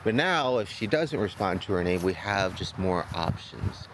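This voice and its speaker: A man's voice: deep voice, animated, moderate pace, noisy background. A man working as a dog trainer, explaining a training demonstration in a casual, think-aloud way outdoors. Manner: informal, thinking aloud, checking with "right?".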